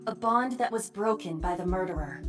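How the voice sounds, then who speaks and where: A woman's voice: on the low side, over music, close to an everyday voice. A woman voicing a formal AI partner. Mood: calm. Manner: formal, measured. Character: calm female AI partner, formal and precise.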